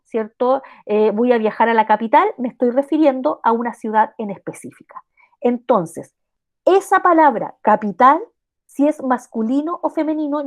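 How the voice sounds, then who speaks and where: A woman with a fairly high pitch and a Chilean accent leads an online language class, recorded with the high frequencies cut off. She explains step by step, frequently pausing to check in with rhetorical questions.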